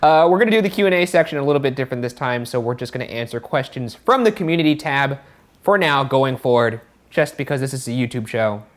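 A man's voice: medium pitch, expressive, fast. A man co-hosting a podcast in casual chat, with a laid-back, dry, teasing way of talking. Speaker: podcast co-host.

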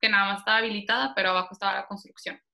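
Bright-voiced young woman chatting. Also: medium pitch, rapid-fire, gravelly. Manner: relaxed, chatty, slangy. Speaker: podcast co-host. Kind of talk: casual chat.

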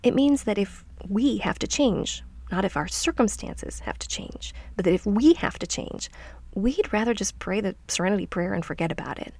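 A middle-aged woman hosting a scripted self-help podcast, speaking softly and reflectively, often trailing into a near-whisper. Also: medium pitch, vocal fry, husky, no echo. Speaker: podcast host.

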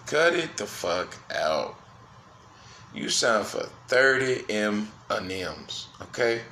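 A man hosting a solo sports podcast, cursing freely and swinging between loud outbursts and quiet, low asides. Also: very animated, takes it slowly, creaky, reverberant, slight background noise. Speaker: podcast host.

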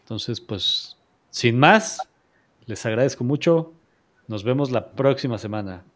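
A man's voice: mid-range voice, expressive, unhurried. A man hosting a live online talk show, speaking with many fillers and restarts as he thanks his guests. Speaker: podcast host. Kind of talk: casual live-streamed chat.

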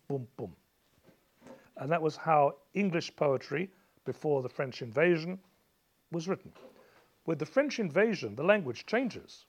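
A male teacher patiently explains a poem's rhythm to a student, chanting beats and counting syllables aloud. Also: fairly high pitch.

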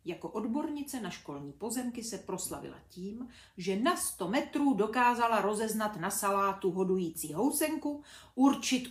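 A woman reads a children's book aloud in a lively, expressive manner. Her voice sits in a mid range. A roomy echo lingers around her narration. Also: mid-range voice. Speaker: storyteller reading to children.

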